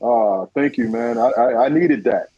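A man guesting on a radio interview, speaking earnestly about his community work and often circling back with "you know". His voice is husky and mid-pitched, heard dry and slightly muffled as if over a dull line. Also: a little slow, warm tone, no room sound. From New Jersey. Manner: earnest, repeats words, frequent "you know". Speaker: guest, community leader and victim advocate.

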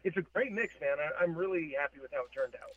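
A man's voice: fairly high pitch, lively intonation, fast talker, a bit bright, no room sound. A man speaking as a musician guest in a casual interview, reflective and thinking aloud, over a remote call. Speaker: metal band vocalist, interview guest. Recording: thin, phone-like call audio.

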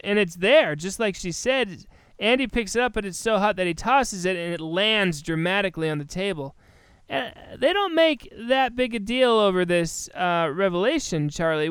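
A man's voice: sits high, expressive, moderate pace, a bit bright, clean tone, no room sound. A man co-hosting a casual film podcast, sarcastic and laughing often as he retells scenes. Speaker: podcast co-host. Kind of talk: casual film-review chat.

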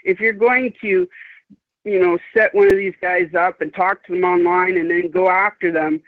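Over a dry, tinny phone connection with no echo, a fifty-something female caller chats casually at a moderate pace. Her voice sits on the low side and keeps a steady tone, though her talk is emphatic, rambling, outspoken, and sprinkled with swearing.

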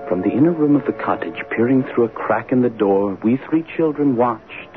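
An actor playing a grown son who narrates his childhood in an old radio drama, reflective and measured. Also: mid-range voice, animated, close to an everyday voice. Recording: tinny old radio broadcast with music under it.

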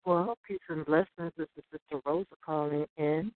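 A woman calling in over a clipped phone line, reciting scripture in a measured, preacherly way. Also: low voice, steady tone, dry recording. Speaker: caller. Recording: tinny phone line, faint noise.

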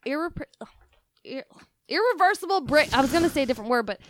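A woman's voice: high-pitched, expressive, brisk, fairly bright tone. A woman co-hosting a podcast, chatting casually, laughing often and tripping over words. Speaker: podcast co-host. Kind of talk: casual chat.

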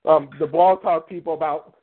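A man's voice: on the high side, fairly even intonation, normal speed. A man calling in to a talk show, speaking hesitantly with many restarts. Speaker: caller and show guest. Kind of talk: casual call-in chat. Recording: tinny phone line.

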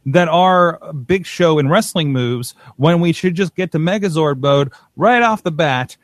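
A man co-hosting a casual chat, talking in an excitable, rambling way with many restarts. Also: a little high, unhurried, dry recording. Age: adult with a father-in-law. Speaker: podcast co-host.

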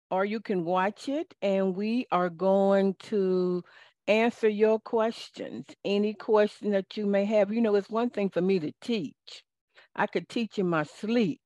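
A woman with a Southern accent and a mid-range, slightly mellow voice hosts a live call-in coaching show as a life coach. She talks slowly, in a folksy, preachy way, and the audio is dull, dry and lo-fi.

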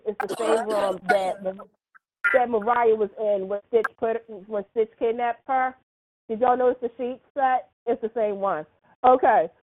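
A woman hosting a podcast, chatting casually through a soap opera recap, full of "like" and "you know". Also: on the high side. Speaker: podcast host. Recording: tinny phone-like sound.

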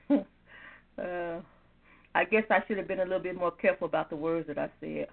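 A woman's voice: fairly low pitch, normal speed, gravelly. Chatty woman on a tinny speakerphone. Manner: chatty, rambling and upbeat, laughs often. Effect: speakerphone on a phone line. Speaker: caller to a prayer line. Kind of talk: casual phone call. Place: home office. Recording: tinny phone line with mains hum.

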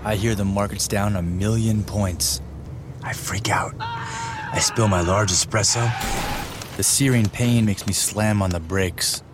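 A man's voice: on the low side, huge pitch swings, measured pace, noisy background. An actor playing a boastful rich male executive who causes mayhem, in a radio insurance ad. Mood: gleeful menace. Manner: gleeful, boastful, drops to sly asides. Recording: ad played with music bed.

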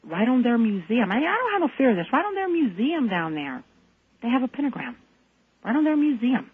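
A woman calling into a radio talk show, speaking in an intense, deliberate and defiant way. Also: on the high side, sing-song, husky, no echo. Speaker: caller. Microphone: phone. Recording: tinny phone line.

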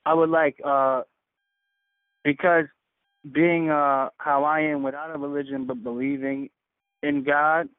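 On a narrowband, radio-like phone line, a man calling into a faith community call shares personal reflections casually and earnestly, often searching for words. His voice is a little high and level, unhurried with long pauses, clean and echo-free.

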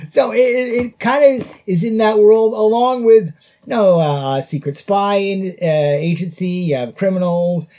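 A man's voice: high-pitched, slow pace, mellow. A man hosting a podcast, reviewing a show in casual chat and chuckling often between phrases. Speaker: podcast host. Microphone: podcast mic.

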